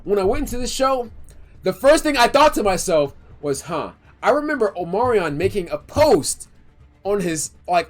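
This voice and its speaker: A young man streaming, telling a story in a casual, animated and emotional way, full of slang and restarts. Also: sits high. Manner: animated, emotional, talks fast with slang and self-interruptions.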